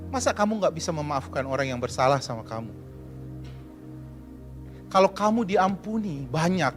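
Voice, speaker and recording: A man, a pastor giving a lively sermon in church and asking the congregation questions. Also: high voice. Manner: lively preaching, asks the congregation questions, mixes in English.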